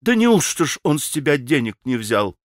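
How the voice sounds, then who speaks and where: A man voicing a proud, hot-tempered young woman in an audiobook, shrill and scornful. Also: big pitch swings, moderate pace, no room sound, clean studio sound, close to an everyday voice. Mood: scornful hysterical.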